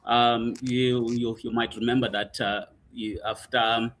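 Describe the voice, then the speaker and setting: A man's voice: mid-range voice, level tone, measured pace, fairly bright tone. A man from South Africa, an executive coach and the guest, talking in a casual interview with many fillers and hesitations.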